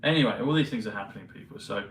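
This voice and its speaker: A man vlogging in a meandering, hesitant casual monologue full of pauses and fillers. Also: lowish voice, fairly bright tone, a little hiss or hum. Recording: roomy, mic at a distance, faint ambience.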